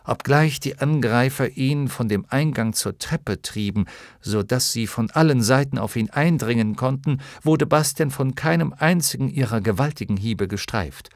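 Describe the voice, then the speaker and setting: A male storyteller reading a fantasy audiobook with lively, expressive phrasing at a middle pitch. The studio sound is close and dry, with no room around the voice. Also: moderate pace, no echo. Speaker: audiobook narrator. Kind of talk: scripted narration.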